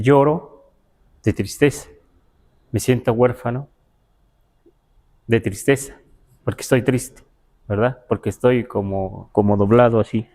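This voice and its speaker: Male Nahuatl teacher from the Huasteca, live class, slow patient delivery with frequent fillers and check-in questions. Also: medium pitch, a little mellow. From Huasteca, Mexico. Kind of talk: live online language class. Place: Mexico City.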